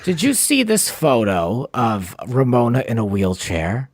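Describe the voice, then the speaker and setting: A man's voice: mid-range voice, huge pitch swings, measured pace, no room sound, studio quality. A man hosting a podcast, chatting casually about reality TV with lots of fillers and easy laughter. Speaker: podcast host. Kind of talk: casual chat.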